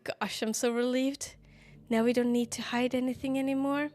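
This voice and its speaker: A woman reading aloud as a lovestruck, self-aware teenage game girl, soft and earnest in her devotion. The voice sits a little high and stays tender throughout. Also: level tone, moderate pace, soft background music, lightly acted. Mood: affectionate.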